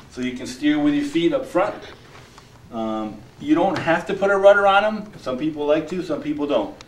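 A middle-aged man explaining kayak features in a casual product demonstration, with frequent fillers and restarts, in a large shop. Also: medium pitch. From New Jersey. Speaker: kayak fishing presenter. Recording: roomy shop echo, faint noise.

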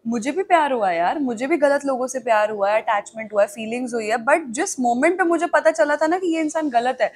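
A woman's voice: high voice, a little fast, hardly any pauses. A young woman speaking as an interview guest, candid and emphatic, switching between Hindi and English.

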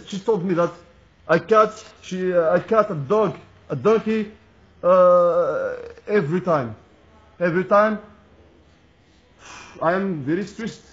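The audio is dull as a high-voiced Moroccan man protests in the street, addressing the camera in English. Moroccan Arabic is his native tongue, and his appeal is angry and indignant, with repeated phrases.

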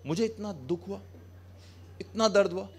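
A man's voice: high-pitched, lively intonation, normal speed, darkish tone. A young man doing a live stand-up comedy set on a small cafe stage, talking to the audience in a sarcastic, conversational way through a handheld mic. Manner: conversational, sarcastic, switching between Hindi and English.

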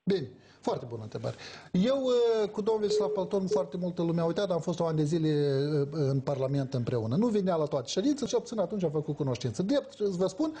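Husky high-voiced emphatic politician. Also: male voice. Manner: animated, emphatic, acts out quoted exchanges. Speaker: politician as studio guest. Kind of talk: emphatic studio debate. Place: TV studio.

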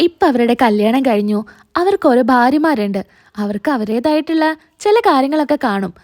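A woman voicing a calm older father giving his wife advice. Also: fairly high pitch, fairly quick, lightly acted. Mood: advising. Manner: calm, advising.

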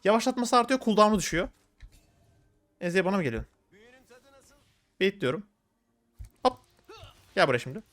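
A man giving live commentary on his own gameplay, talking to viewers in an excitable, slangy way. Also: sits high, moderate pace, pauses often. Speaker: gaming streamer.

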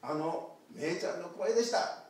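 A man, a pastor telling a picture-card story to children in a church, animated and asking them questions. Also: sits high, normal speed. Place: church sanctuary. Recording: echoey church hall from far off.

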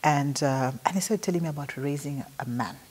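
Low-pitched, a little mellow, and slightly rough, a middle-aged Zambian-accented woman speaks fairly quickly while paying tribute in an interview. She chattily recounts a trip, acting out the things people said.

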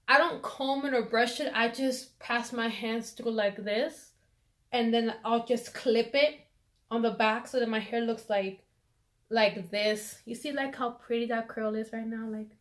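A woman vlogger chatting casually through her hair routine, full of fillers, recorded on a phone camera. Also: on the high side. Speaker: beauty vlogger.

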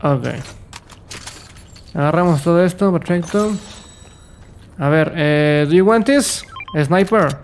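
Excitable man narrating his game. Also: on the high side, a little hiss or hum. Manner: excited, repeats words rapidly, mixes broken English with Spanish. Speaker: gaming streamer. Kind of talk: casual gameplay commentary.

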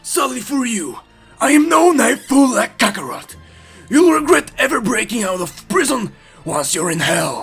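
A husky, arrogant warrior prince. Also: male voice, very high-pitched, very animated, measured pace, fairly bright tone, exaggerated voice. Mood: menacing. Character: proud cocky male alien warrior prince. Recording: anime clip with faint music.

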